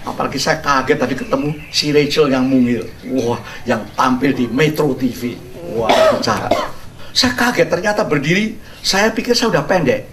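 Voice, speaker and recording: An older man, a pastor, giving an expository sermon as a humorous, animated storyteller who sprinkles in English words. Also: mid-range voice, normal speed, distant mic, a crowd in the background.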